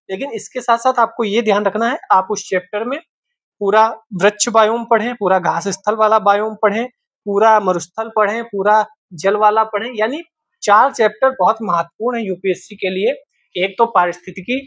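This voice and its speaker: A man's voice: high voice, a bit bright, no room sound. A man teaching exam questions in a lecture style. He explains step by step, repeats key points and mixes in English terms.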